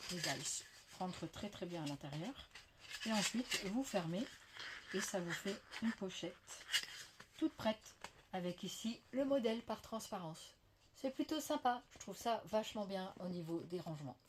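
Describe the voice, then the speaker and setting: This is a casual show-and-tell haul: a French woman chats and gushes about crafting supplies, leaning on lots of fillers. Her lowish, slightly mellow voice carries a faint veil from a lingering cough. The recording has a light hiss or hum and dishes clattering faintly nearby.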